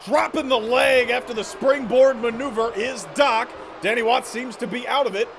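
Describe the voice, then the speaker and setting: A man's voice: extremely high pitch, steady tone, moderate pace, noisy background. A man calling wrestling play-by-play in a dramatic, exclamatory style of match commentary.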